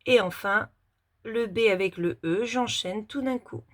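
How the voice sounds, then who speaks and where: Woman teacher walking little kids through writing letters, slow and careful, explains every stroke. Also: mid-range voice. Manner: slow, step-by-step demonstration while writing. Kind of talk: handwriting lesson for young children.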